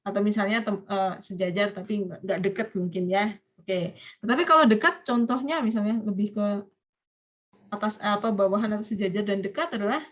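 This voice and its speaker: A university Japanese lecturer teaches online in a medium-pitched, somewhat fast voice. She coaxes her students to finish each phrase she starts.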